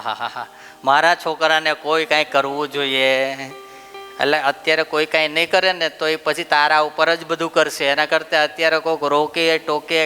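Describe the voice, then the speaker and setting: A male preacher telling a story in a lively sermon, full of rhetorical questions to the audience. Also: a little high, clear, resonant tone, in a large hall. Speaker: preacher giving a religious discourse.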